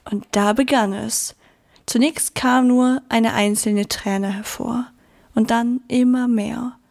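Gentle woman reading a bedtime story. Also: fairly high pitch, fairly even intonation, slow.

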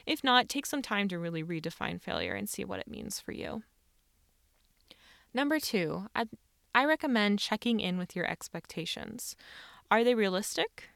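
A woman's voice: medium pitch, sing-song, normal speed, creaky, a bit bright, no room sound, studio quality. A young woman recording inside a small closet, giving earnest self-help advice in a chatty, casual way with many fillers. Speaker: self-help video host. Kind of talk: casual advice talk to camera.

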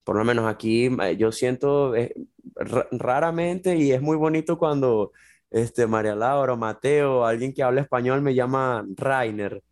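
A man's voice: mid-range voice, normal speed. A man in his twenties from Venezuela with a Venezuelan Spanish accent, chatting casually as a podcast guest and sprinkling in fillers like "bro". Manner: relaxed, chatty, many fillers like "bro" and "este". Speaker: guest, jiu-jitsu athlete.

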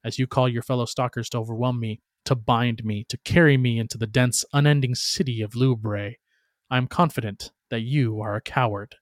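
A man delivers a scripted dramatic monologue as a bitter, bloodthirsty warrior. His voice sits at a medium pitch with a solemn, theatrical weight. The sound is very dry, with no room around it. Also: fairly even intonation, a little fast, no echo. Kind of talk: dramatic scripted narration in character.

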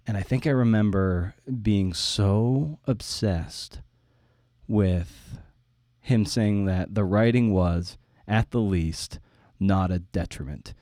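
Speaking slowly in a warm, lowish voice, a man in his forties hosts an interview podcast, where as a writer he tells a personal anecdote with rambling self-deprecation. The studio sound is clean, with no echo.

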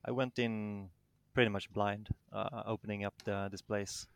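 Casting: male interviewee, Danish accent, fry-edged delivery, close dry sound, modest and hesitant. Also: fairly low pitch, level tone, moderate pace, dry recording. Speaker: interviewed tournament champion. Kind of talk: casual interview answers.

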